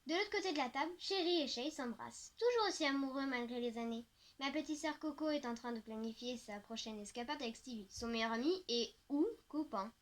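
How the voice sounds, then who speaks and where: Woman audiobook narrator; high-pitched, reflective first-person teen novel reading. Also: fairly quick.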